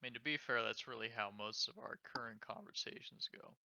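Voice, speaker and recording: A man's voice: mid-range voice, a little fast, vocal fry, pushed and bright. A young man co-hosting a podcast, chiming in with short remarks. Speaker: podcast co-host. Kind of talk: casual podcast chat.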